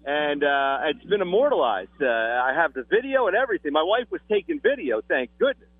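A man with a fairly high voice calls in over a thin, tinny phone line that cuts out. The sound is dry and boxed in. He talks in an upbeat, joking way, like a radio host promoting a show. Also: sing-song, a little fast, no echo. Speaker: radio morning show host calling in from an event. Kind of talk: casual on-air chat. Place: outdoor concert venue.

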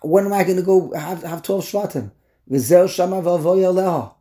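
An earnest old patriarch with a fairly high, mellow voice, as a lecturing man puts him on. He pleads in halting, repeated bursts. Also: lightly acted. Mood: pleading. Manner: emphatic, halting repetitions.

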